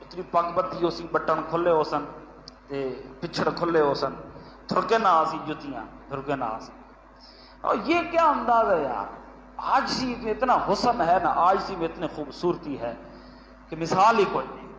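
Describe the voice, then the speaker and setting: A man with a Punjabi accent preaching a sermon, chanting Arabic verses slowly and then explaining them with emphatic repetition. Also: a little high, sing-song, fairly bright tone, slight background noise. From Pakistan, Punjab. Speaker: religious scholar giving a weekly lesson. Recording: echoey hall with long reverb, faint ambience.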